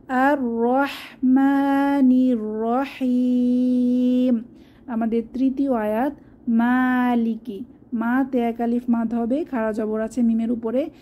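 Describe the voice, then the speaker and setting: A woman teaching Quran recitation step by step, stretching out each recited word slowly before explaining it. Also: a little high, warm tone. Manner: slow, drawn-out demonstration of recited words between explanations.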